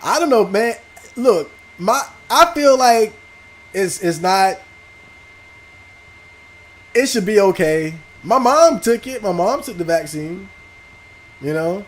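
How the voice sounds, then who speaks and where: A man streaming a video game with loud, profane, reactive outbursts and casual chat. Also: high-pitched, lively intonation, takes it slowly, pauses often. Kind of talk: casual gaming stream commentary.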